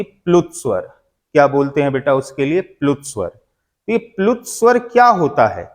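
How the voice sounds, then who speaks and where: Male teacher, slow deliberate delivery, slightly raised pitch, asks and answers his own questions. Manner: asks questions and answers them himself, calls students "beta"; slow, drawn-out explanation. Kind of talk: classroom lecture on grammar.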